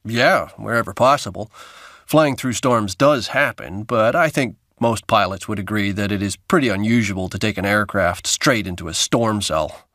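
A man speaking as an airline pilot, giving measured, explanatory answers in an interview. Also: fairly low pitch, a bit bright, no room sound, clean studio sound.

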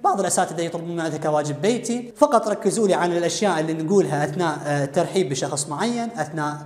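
Male English teacher with an Iraqi accent, quick delivery, recorded in an echoey room with long reverb. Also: a little high, darkish tone. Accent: Iraqi Arabic. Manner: explains step by step, quizzing students aloud. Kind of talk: recorded video lesson.

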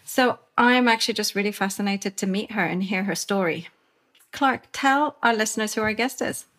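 A woman's voice: medium pitch, normal speed, fairly bright tone. Enthusiastic woman podcast co-host. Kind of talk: scripted intro and interview questions.

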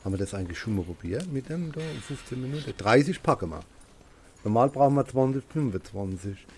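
A man talking his way through a co-op video game at a middle pitch, mumbling to himself in one breath and yelling at the monster in the next. The recording carries clear background noise. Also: brisk. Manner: talks to himself and partner, excitable outbursts, cursing at the monster. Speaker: gamer playing co-op. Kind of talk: casual gaming commentary.

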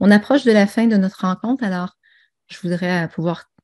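A woman's voice: mid-range voice, moderate pace, darkish tone. A woman presenting an online teaching webinar, chatty and full of fillers and restarts. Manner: conversational, with many fillers and restarts.

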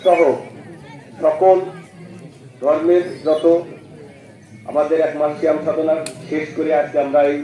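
A man addressing a prayer congregation on an open ground, halting often with drawn-out "ah" fillers. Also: on the high side, level tone, lo-fi sound, some chatter behind. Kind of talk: public address over a loudspeaker. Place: outdoor Eid prayer ground. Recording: echoey open-air loudspeaker sound, from far off.

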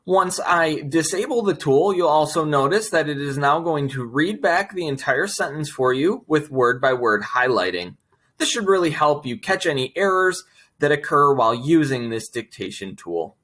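A man's voice: a little high, animated, moderate pace, fairly bright tone. A man in his thirties narrating an instructional screencast, explaining step by step in an upbeat way. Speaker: software trainer presenting a tutorial.

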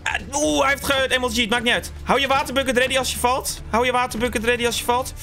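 A man hosting a game event rattles off commentary and instructions at speed. His voice sits very high and sounds sharp and bright. Faint music plays underneath. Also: steady tone, quick pace. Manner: urgent, shouting instructions to players. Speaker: event host.

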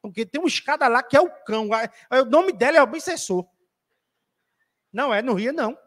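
A man's voice: very high-pitched, lively intonation, brisk, fairly bright tone. A man giving a spiritist lecture in an auditorium, telling a story in a chatty, teasing way and calling out audience members by name.

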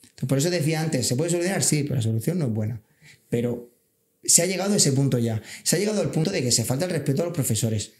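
A man's voice: a little high, lively intonation, fast, a little mellow, reverberant. A man, a civil guard officer talking earnestly in a casual podcast, backing his points with everyday examples.

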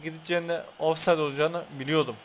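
A man's voice: on the high side, steady tone, fast talker, slight background noise. A man commentating on a football video game he is playing, talking to the players on screen, swearing, and getting worked up over fouls. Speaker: gaming YouTuber.

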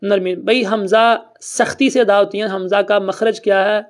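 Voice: medium pitch, steady tone. A recitation teacher giving a classroom lesson who explains step by step in a plain, conversational way and keeps quizzing students to repeat answers back. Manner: patient, quizzes students and has them repeat. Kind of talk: classroom lesson with call-and-response.

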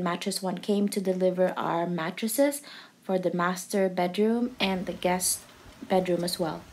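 A woman's voice: mid-range voice, a little mellow, slight background noise. A young adult woman vlogger giving a cheerful, chatty voice-over for a home video, with frequent ums and uhs.

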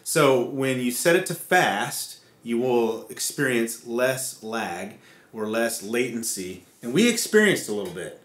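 A man's voice: mid-range voice, sing-song, a little slow, a bit bright, roomy sound. A man casually explaining guitar effect settings step by step, with frequent fillers. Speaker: co-host demonstrating guitar effects.

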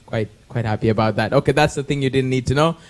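A man's voice: mid-range voice, fast talker. A man in his thirties from Kenya, introducing himself playfully into a handheld mic in a conference room. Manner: playful, chatty. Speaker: conference participant. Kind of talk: self-introduction to an audience.

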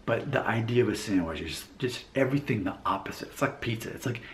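A man's voice: lowish voice, animated, fast, slight background noise. Chatty man in an echoey room. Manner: chatty, rambling, with restarts and asides. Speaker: vlogger. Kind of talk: casual talking-head vlog. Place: bright room at home, indoors.

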